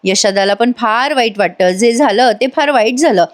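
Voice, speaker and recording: Give me a woman with a higher voice narrating a lively serial recap for viewers. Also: normal speed. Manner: lively storytelling, addresses viewers. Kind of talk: voice-over episode recap.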